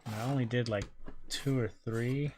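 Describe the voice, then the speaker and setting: A man's voice: medium pitch, fairly even intonation, normal speed, background noise. A man hosting a console repair stream, chatting casually and muttering to himself while he works, with casual swearing. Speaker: repair channel host.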